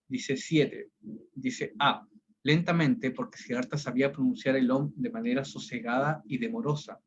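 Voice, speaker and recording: A man's voice: medium pitch, breathy edge. A male teacher, giving an online reading class and explaining each step, often checking in with the students. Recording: dull lo-fi sound.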